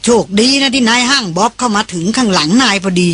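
A woman's voice: fairly high pitch, quick pace, a bit bright, pitched above the performer's own voice. A woman voicing a male local hunter who speaks plainly and bluntly.

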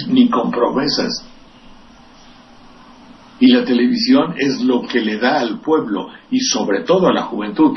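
A man's voice: mid-range voice, recorded from a distance. Older Mexican male radio host, sarcastic, profane, meandering; lo-fi recording with faint hiss. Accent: Mexican Spanish. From Veracruz, Mexico. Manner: rambling, sardonic and profane, with digressions. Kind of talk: political commentary on radio.

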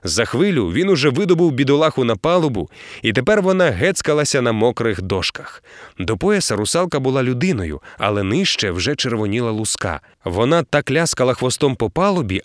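A man narrating an audiobook in an expressive storytelling way. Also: medium pitch, fairly quick, dry recording, clean studio sound. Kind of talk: scripted narration.

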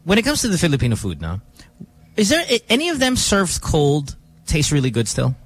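A man hosting a morning radio show, joking around and taking calls with loose, animated banter. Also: on the high side, fairly quick, breathy edge, faint music behind. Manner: joking, animated, swears freely.

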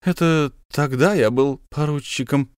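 A man's voice: on the high side, measured pace, smooth, no echo, studio quality, pitched above the performer's own voice, close to an everyday voice. A man voicing a cautious, deferential army staff captain who speaks in hesitant, old-fashioned polite phrases.

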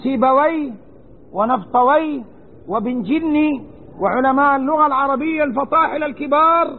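A man gives a religious lesson, his voice set very high. He is emphatic and circles back over the same phrases to correct pronunciation. It is a tinny, narrow recording with a faint hiss underneath. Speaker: Islamic scholar teaching Quran commentary.

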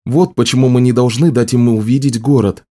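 Grim young fighter, read by a man: mellow, firm, urgent. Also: medium pitch, steady tone, fairly quick, lightly acted. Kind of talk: audiobook role reading.

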